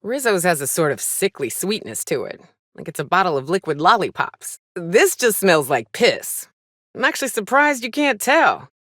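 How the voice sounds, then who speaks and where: In this video game voice work, a gritty female pioneer of the space frontier trades short, salty quips like a veteran trail partner, folksy and sardonic. Big pitch swings, a moderate pace, and a slightly bright tone come through a dry, close recording.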